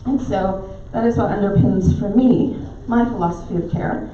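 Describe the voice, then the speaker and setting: A woman's voice: medium pitch, moderate pace, slight background noise. A middle-aged woman from Barbados with a Barbadian accent, telling stories with filler ums as a guest speaker at a club meeting in a pub. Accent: Barbadian, softened by years in the US. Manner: warm storytelling with filler ums. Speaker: guest speaker, naturopathic doctor. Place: pub dining room. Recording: echoey, dull, distant room recording.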